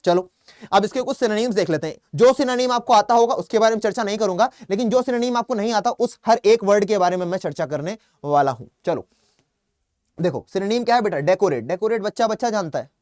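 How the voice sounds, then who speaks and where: With a high-sitting, slightly mellow, Hindi-accented voice, a young man speaks fast as he runs an online exam-prep class on English vocabulary. Chatty, he calls his students "beta" and poses questions he then answers himself. The sound is dry and close, with no echo.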